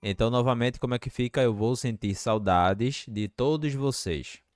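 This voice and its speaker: A man teaching English in a lesson, slowly repeating example phrases. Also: medium pitch, darkish tone, no room sound, studio quality. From Brazil. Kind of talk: language lesson.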